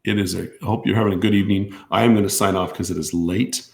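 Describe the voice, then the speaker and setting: A man with a hoarse voice from allergies, hosting a live-stream Q&A as a doctor, talking hesitantly with many restarts. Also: low-pitched, fairly even intonation, fast talker, a little mellow. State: losing his voice from allergies. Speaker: doctor answering viewer questions.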